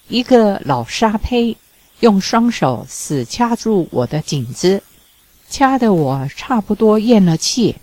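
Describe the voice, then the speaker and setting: Slow, mellow-voiced woman reading a story. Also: medium pitch, no room sound, rough recording. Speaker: reader.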